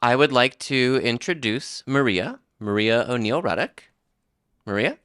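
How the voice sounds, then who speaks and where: A man's voice: mid-range voice, lively intonation, measured pace, fairly bright tone, smooth, dry recording, studio quality. A man working as a sign language interpreter, giving a live spoken translation of a deaf presenter's signing in first person at a workshop, with a slight lag. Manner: voices another's signed words as his own, with a slight lag. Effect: live spoken interpretation for a deaf signer, in first person. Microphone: shared handheld microphone.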